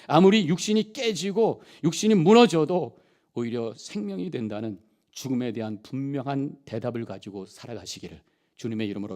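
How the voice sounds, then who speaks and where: Middle-aged male pastor, sermon delivery, impassioned swells and soft drops, mid pitch. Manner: impassioned, swells loud on key phrases, then drops soft.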